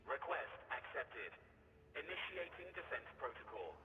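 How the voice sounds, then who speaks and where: A man voicing a booming metallic robot sentinel through a robot filter, giving flat, clipped machine announcements. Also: a little slow, lo-fi sound. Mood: clinical. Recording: roomy echo, clear game music behind.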